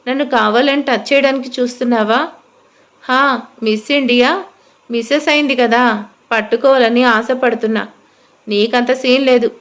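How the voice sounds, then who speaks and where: A woman voicing a sharp, sarcastic young wife in an audio story. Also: fairly high pitch, fairly even intonation, normal speed, long pauses, lightly acted. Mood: annoyed. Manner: scolding, sarcastic.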